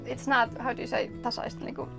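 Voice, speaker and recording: A woman's voice: fairly high pitch, flat delivery, fast, gravelly. A woman from Finland, a native Finnish speaker, chatting casually in English as an interview guest. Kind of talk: casual conversation. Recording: music in background.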